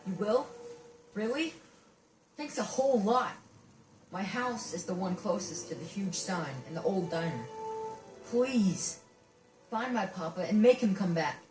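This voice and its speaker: A woman's voice: mid-range voice, animated, measured pace, long pauses, music in the background, lightly acted. Woman voicing a scared young wasteland boy, distant and roomy. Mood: relieved. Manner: pleading, panicky. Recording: roomy distant game audio, faint hiss.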